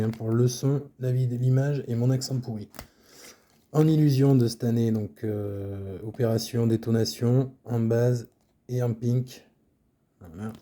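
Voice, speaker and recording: Slow, dark-voiced husky man. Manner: calm, low-key, trailing off at phrase ends. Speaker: card collector showing his cards. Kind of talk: casual unboxing commentary.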